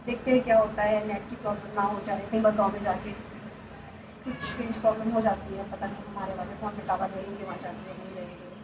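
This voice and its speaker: A soft-spoken woman in her thirties chatting casually and confidingly to her viewers in a home vlog. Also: mid-range voice, flat delivery, fast talker. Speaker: vlogger. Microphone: clip-on mic, often away from it. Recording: roomy, distant, noisy home recording. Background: machine running on the gas stove.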